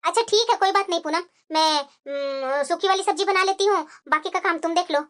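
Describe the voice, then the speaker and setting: A woman voicing a selfish, sharp-tongued elder daughter-in-law in a cartoon, sarcastic and resentful. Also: very high voice, a little fast. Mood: muttering. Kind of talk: cartoon voice acting.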